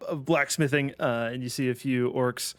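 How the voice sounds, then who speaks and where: Halting male game master. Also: medium pitch, steady tone, no echo. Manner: halting, full of fillers and restarts. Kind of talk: narrating a tabletop game.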